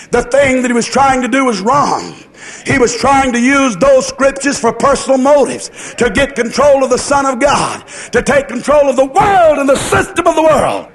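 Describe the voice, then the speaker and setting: His voice is extremely high-pitched and a bit bright as he preaches with revivalist fervor. The man's delivery is declamatory and sing-song, full of repeated phrases and rhetorical questions aimed at his listeners.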